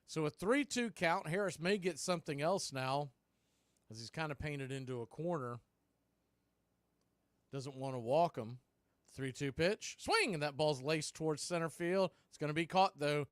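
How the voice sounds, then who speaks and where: Calling live baseball play-by-play on the radio, this announcer keeps up with the count pitch by pitch in a brisk, conversational way. His voice sits slightly high for a man, and the recording is dry and close, without any echo.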